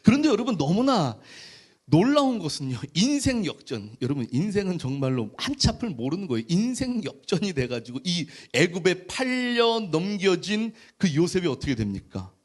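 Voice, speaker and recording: A male pastor preaching a sermon, telling a Bible story with animated storytelling and rhetorical questions to the congregation. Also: high voice, moderate pace, breathy edge.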